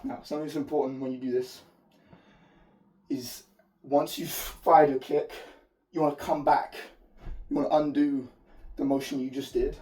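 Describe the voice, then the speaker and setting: Guy losing his voice, hoarse and soft-edged, explaining fight moves casually, mic is far off. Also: mid-range voice, level tone, moderate pace. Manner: informal, explanatory, occasional swearing. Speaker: martial arts instructor. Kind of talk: spoken technique tutorial with demonstration. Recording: distant mic.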